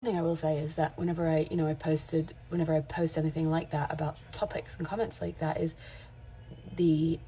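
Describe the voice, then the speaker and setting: A makeup artist and creator in her forties talks straight to camera in a casual, candid vlog. Her fairly quick voice is a little low, mellow and relaxed, and she rambles and corrects herself mid-sentence. The audio is poor.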